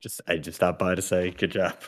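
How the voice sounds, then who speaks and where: A man's voice: sits low, level tone, brisk, slight background noise. A man dropping by a stream over a voice call, wry and rambling. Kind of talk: casual stream chat.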